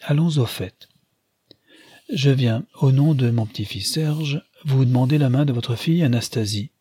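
Man doing a brisk, grave grandmother. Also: mid-range voice, mellow, husky, dry recording, pitched above the performer's own voice, close to an everyday voice. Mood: emphatic. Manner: brisk and emphatic, gets straight to the point.

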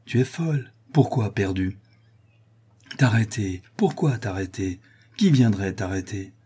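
Storybook figure: an anguished aging artisan father, husky and mellow but raised and insistent, read by a man. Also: fairly low pitch, animated, measured pace, heavily acted. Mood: distraught pleading. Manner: pleading, agitated, raised voice.

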